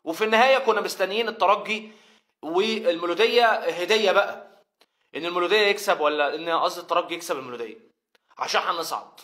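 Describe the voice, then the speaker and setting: Egyptian man, middle-aged, high voice, quick animated football rant. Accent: Egyptian Arabic. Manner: animated, mimics imagined players and fans. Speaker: football fan commentator. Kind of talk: emotional fan video rant.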